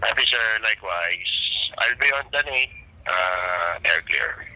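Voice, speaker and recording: A man speaking over a two-way radio, answering a radio check with polite, brisk radio procedure and signing off each turn. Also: lowish voice, lively intonation, background noise. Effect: voice heard through a two-way push-to-talk radio. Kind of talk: radio procedure talk, ending turns with "over".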